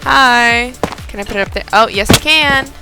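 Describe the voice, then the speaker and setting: Female gaming host, high voice, casual and excitable think-aloud commentary, music clearly behind. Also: normal speed. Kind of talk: casual gameplay commentary while building.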